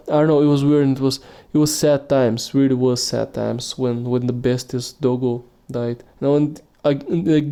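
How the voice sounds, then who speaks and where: Mellow-voiced man rambling on a podcast. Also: mid-range voice. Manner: rambling, full of restarts and fillers. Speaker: podcast host. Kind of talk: casual solo podcast monologue.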